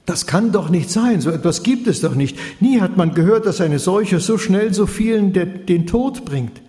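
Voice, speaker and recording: Man voicing distraught grown son, raised pitch, urgent, dark tone, long reverb. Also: lively intonation, moderate pace. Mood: disbelieving. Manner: urgent, disbelieving.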